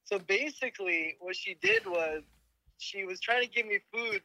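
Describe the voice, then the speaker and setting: A man's voice: high-pitched, very animated, moderate pace, creaky, pushed and bright, no room sound, rough recording. A young man, a guest telling an anecdote in casual chat, emphatic and profane.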